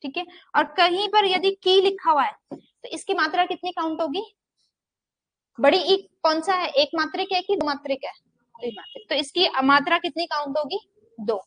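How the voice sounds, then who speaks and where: A young Hindi teacher with a very high, somewhat bright voice gives a classroom grammar lecture at a moderate pace, with no room sound. She keeps asking the class questions and answering them herself, repeats "ठीक है," and stretches vowels to show their length.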